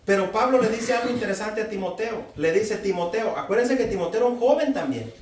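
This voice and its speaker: A man's voice: sits high, expressive, a little fast, reverberant, distant mic, a little hiss or hum. A man in his forties preaching a sermon, exhorting and addressing the congregation directly. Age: 40s.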